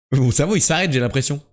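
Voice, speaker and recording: A young man streams quiz games live, chatting casually and joking, his voice jumping between loud bursts and low mumbles.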